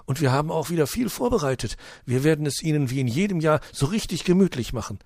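A man's voice: fairly high pitch, lively intonation, fast, darkish tone, no room sound, studio quality, pitched above the performer's own voice. A man reading aloud voices a flustered care home director who tries hard to sound firm.

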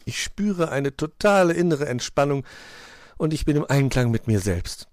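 A man's voice: on the high side, animated, normal speed, dry recording, clean studio sound, pitched above the performer's own voice, natural voice. A man doing Puh, a grumbling gnome. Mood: smug. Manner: grumbling, then smugly content. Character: grumpy smug male gnome Puh.

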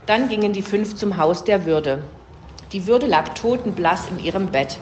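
A woman reads a fable aloud in steady storybook narration. Her pitch sits in a middle range. A roomy echo surrounds her voice. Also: moderate pace, slight background noise. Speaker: reader.

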